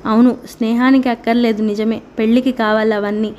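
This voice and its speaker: A wry, bitter middle-aged husband in an audiobook story, voiced by a woman reader. He speaks in an even, level line with little rise and fall. His remarks come out sardonic and self-deprecating. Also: on the high side, a little fast, slight background noise, natural voice.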